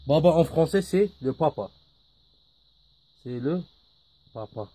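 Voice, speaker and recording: A man's voice: on the high side, expressive, slow, dark tone, husky. A man teaching a lesson in French, patiently repeating each word. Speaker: Arabic teacher. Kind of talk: slow spoken lesson.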